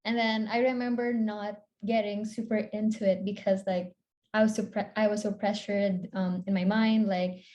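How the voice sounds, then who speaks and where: A woman's voice: mid-range voice, flat delivery, moderate pace, warm tone, lo-fi sound. A young woman from the Philippines in her twenties, a content creator chatting casually and giggling as a podcast guest, with a rambling, filler-heavy way of talking.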